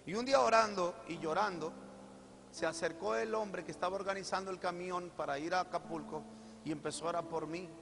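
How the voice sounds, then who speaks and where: A man's voice: sits high, brisk, gravelly, background noise. A middle-aged Mexican man preaching a testimony, telling his story and often repeating phrases as he speaks straight to the congregation. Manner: storytelling, repeats phrases, addresses audience directly. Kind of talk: sermon testimony. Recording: echoey hall with music behind.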